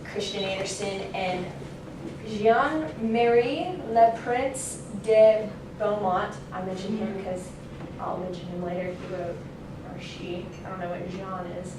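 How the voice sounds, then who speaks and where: In an indoor classroom, a young adult woman gives an informal student speech that's casual and loosely worded, and she corrects herself along the way. Her voice is mid-range and slow. A distant camera microphone picks her up in a very echoey, noisy room.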